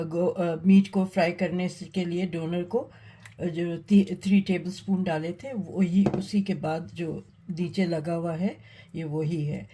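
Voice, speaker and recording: A woman hosting a cooking demonstration, talking unhurriedly while she cooks, with many pauses and fillers. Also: on the low side, mellow, husky, rough recording. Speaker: cooking channel host.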